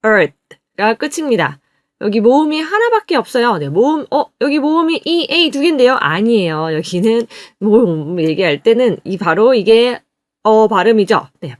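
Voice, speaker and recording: A woman teaching an online English lesson. She says each word slowly and has students repeat it. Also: medium pitch, no echo. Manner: drills words slowly, repeats them for students to copy.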